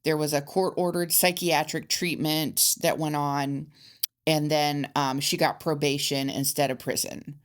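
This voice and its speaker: A low-pitched woman walks through a crime case on a casual podcast. She reads the facts in a measured way, with the odd "um" and restart. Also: level tone. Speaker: podcast co-host telling the case.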